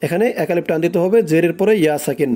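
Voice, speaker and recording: A man's voice: on the high side, rapid-fire, warm tone. A man teaching a recitation lesson, breaking words into syllables, drawing out the recited phrases and having listeners repeat after him.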